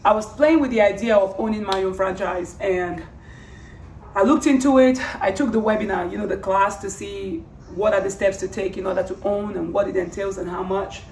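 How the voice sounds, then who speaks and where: Female vlogger, casual testimony style, croaky voice giving out, roomy sound with faint noise behind. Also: mid-range voice, moderate pace, a little mellow. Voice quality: hoarse, creaky voice giving out. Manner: earnest, rambling, repeats phrases for emphasis. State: hoarse, losing her voice. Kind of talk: casual personal testimony vlog. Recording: roomy, distant mic, faint background noise.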